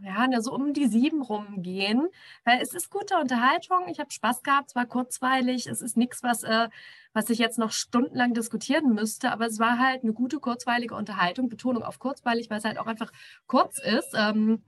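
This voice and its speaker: A woman co-hosting a podcast, giving a measured, thoughtful series review in casual chat. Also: a little high, a bit bright. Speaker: podcast co-host.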